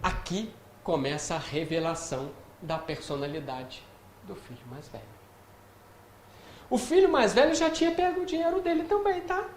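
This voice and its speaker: A man's voice: high-pitched, lively intonation, moderate pace. A man with a Brazilian Portuguese accent giving a spiritist lecture on scripture, speaking conversationally and often checking in with his audience. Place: lecture hall of a spiritist center. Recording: echoey hall with faint noise.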